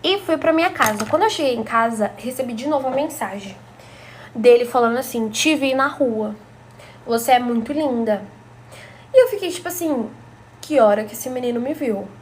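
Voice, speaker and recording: A woman's voice: on the high side, lively intonation, normal speed, a little hiss or hum. A young woman from Brazil telling a personal story to her viewers in a chatty, gossipy way. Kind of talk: casual storytime narration.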